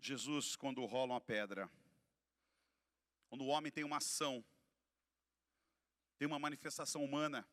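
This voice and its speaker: A man with a Brazilian Portuguese accent preaching a fiery church sermon as pastor, shouting key lines and then dropping low and quiet. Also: steady tone, normal speed, pauses often, no echo, long reverb tail. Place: church hall.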